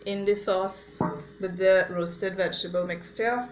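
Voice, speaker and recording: A woman's voice: medium pitch, fairly even intonation, unhurried, slight background noise. A woman, a mother cooking at home and chatting viewers through each step of a recipe. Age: adult mother. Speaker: home cook showing a recipe. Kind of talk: casual cooking demonstration. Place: home kitchen. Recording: echoey kitchen with clattering cookware. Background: dishes, cutlery and blender clatter.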